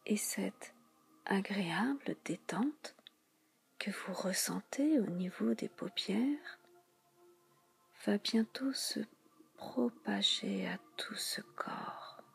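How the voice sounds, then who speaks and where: A woman leads guided relaxation in a soothing spa whisper. Her voice is very breathy and husky, with a creaky fry underneath. She speaks slowly and hushed, repeating soft phrases and leaving frequent pauses. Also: medium pitch, animated.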